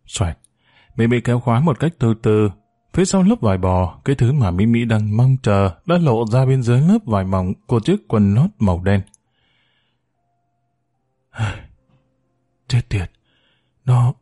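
Dark-voiced male story narrator. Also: medium pitch. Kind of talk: scripted audiobook narration.

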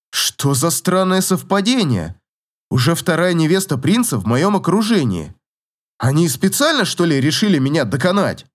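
A man reading a first-person fantasy audiobook in a lively, expressive way. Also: a little high. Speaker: audiobook reader.

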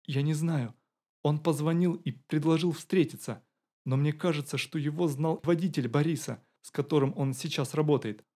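A man's voice: a little high, fairly even intonation, normal speed, warm tone, pitched above the performer's own voice, close to an everyday voice. A man reading an audiobook, voicing a nervous young man who whines and defends himself. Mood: frightened. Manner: whining, defensive. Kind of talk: audiobook character voice.

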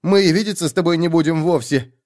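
A man's voice: a little high, quick pace, darkish tone, voice pushed up, close to an everyday voice. A man voicing a panicking young man tied up over a fire, screaming, begging and threatening in pain. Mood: pleading. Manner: screaming, pleading hysterically. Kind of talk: audiobook character voice.

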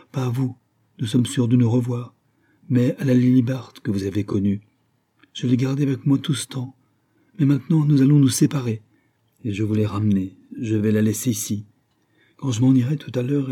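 A man reading the lines of a weary, resigned young woman in an audiobook, softly and without changing his own voice much. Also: medium pitch, breathy edge, lightly acted.

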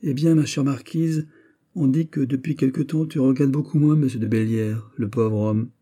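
A man's voice: mid-range voice, fairly even intonation, normal speed, dark tone, voice pushed up, natural voice. A man reading an audiobook voices a spiteful young noblewoman who teases and needles her friend in a raised voice. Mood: needling. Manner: teasing, needling.

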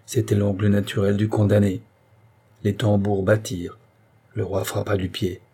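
Dark, husky male audiobook narrator. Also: on the low side, little pitch movement. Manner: measured, dramatic reading. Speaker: audiobook reader. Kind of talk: scripted literary narration.

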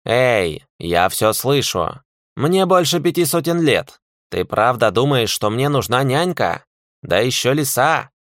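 A man's voice: medium pitch, big pitch swings, a little slow, fairly bright tone, no echo, studio quality, voice pushed up. A man voicing a rude, centuries-old male talking cat in an audiobook, haughty and sarcastic. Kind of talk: audiobook character voice.

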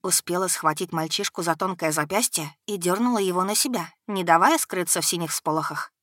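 A woman reading a novel aloud in a smooth, steady first-person narration on a close mic. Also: fairly low pitch, a little fast, no room sound. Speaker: audiobook narrator.

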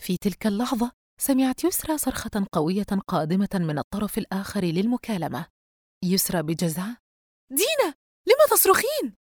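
A woman narrating a horror audiobook in a steady, even storytelling manner. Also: medium pitch, a little fast, dry recording, studio quality.

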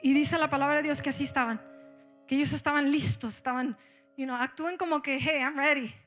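Woman pastor, animated sermon delivery, code-switches, high-pitched. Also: fast talker, soft background music. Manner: animated, switches into English, directs the congregation.

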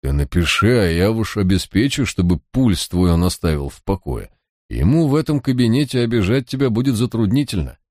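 A man's voice: lowish voice, very animated, brisk, darkish tone, no echo, clean studio sound, pitched above the performer's own voice. A man voicing a shrewd, cocky male police detective who talks in a mocking, coaxing drawl. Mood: coaxing mockery.

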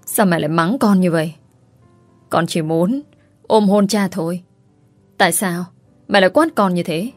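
A man's voice: high voice, normal speed, long pauses, no echo, faint music behind, natural voice. A man voicing a tearful little boy pleading with his mother in an audiobook. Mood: hurt. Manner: sobbing, pleading. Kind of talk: audiobook character reading.

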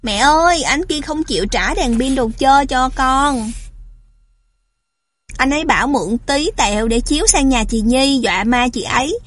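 A woman voicing a small neighbor child shouting a whiny complaint to its mother. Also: fairly high pitch, normal speed, close to an everyday voice. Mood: whining.

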